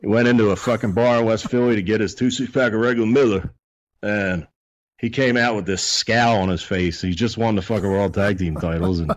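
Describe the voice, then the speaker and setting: A man's voice: fairly low pitch, steady tone, brisk. A man in his fifties, a podcast guest, rambling through a profane story in casual talk.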